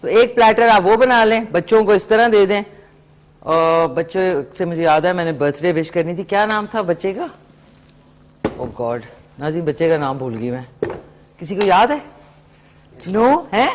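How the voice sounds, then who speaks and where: A middle-aged woman, hosting a live morning TV cooking segment and chatting to viewers and callers. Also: on the low side. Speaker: morning show host.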